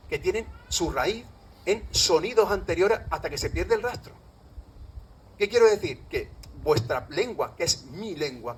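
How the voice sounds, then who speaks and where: A middle-aged man with an Andalusian Spanish accent, lecturing a live audience with a slightly raised pitch. He keeps the room engaged, tossing questions out to the listeners as he explains. A faint hiss of noise sits behind his voice. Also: rough recording. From Andalusia, Spain. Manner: engaging, often quizzes the audience. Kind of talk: live public talk to an audience.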